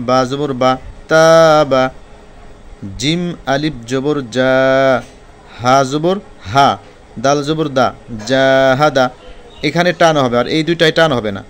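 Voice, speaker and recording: A man teaching Quran reading, spelling out Arabic letters slowly one by one and explaining the rules more quickly. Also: on the high side, a bit bright, clear, resonant tone. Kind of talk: spelling-out recitation lesson.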